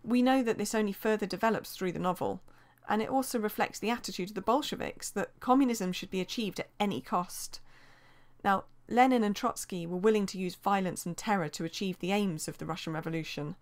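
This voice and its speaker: A woman's voice: medium pitch, brisk. A woman teaching a revision lesson as a voice-over, explaining steadily and reading quotations aloud, with small restarts.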